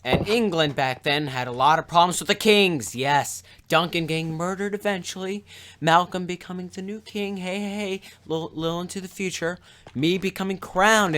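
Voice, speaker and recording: A man's voice: high-pitched, a bit bright. A man casually retelling a story as a video host, rambling with restarts, sarcastic asides and mouth sound effects.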